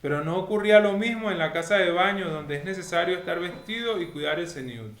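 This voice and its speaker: A man's voice: sits high, a little fast, fairly bright tone. A man teaching a weekly Torah lesson in a didactic way, often checking that his listeners follow. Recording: echoey room with faint noise.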